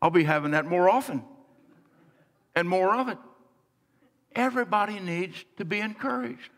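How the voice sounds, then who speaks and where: A middle-aged man preaching a sermon as pastor, earnest, swinging between soft and emphatic delivery. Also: sits high, lively intonation, normal speed. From United States. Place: large church sanctuary, on stage. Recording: long church hall reverb.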